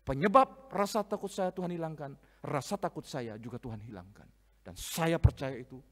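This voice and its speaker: A man preaching a sermon, swinging from soft asides to loud, emphatic reading of scripture. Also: fairly high pitch, animated, moderate pace. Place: church hall, live-streamed service. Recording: long reverb of a church hall.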